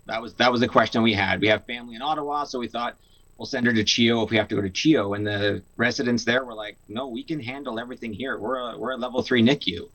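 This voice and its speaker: A man's voice: medium pitch, fairly even intonation, fast talker, a bit bright, low-quality recording. A young man from Canada, telling a personal story in a casual interview, earnest, with many fillers and restarts. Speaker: guest.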